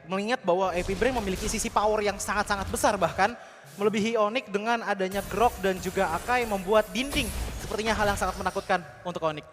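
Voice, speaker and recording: A man's voice: high voice, quick pace, fairly bright tone. A man with an Indonesian accent giving wordy, analytical esports commentary. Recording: hall-like reverb, music behind. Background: music.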